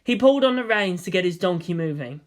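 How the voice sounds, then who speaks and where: A narrator reads a fan fiction story aloud in an expressive, scripted storytelling style, using a mid-range voice at a fast pace.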